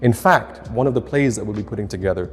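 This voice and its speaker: A man on a school's staff leading a tour, explaining the rooms slowly and deliberately, often restarting his phrases. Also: fairly low pitch, big-room sound. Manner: slow, deliberate, with frequent restarts.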